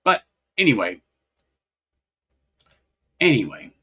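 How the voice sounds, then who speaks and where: A man's voice: medium pitch, big pitch swings, slow, pushed and bright, slightly rough. A man hosting a casual whiskey-tasting livestream, rambling, repeating himself and greeting chat viewers by name.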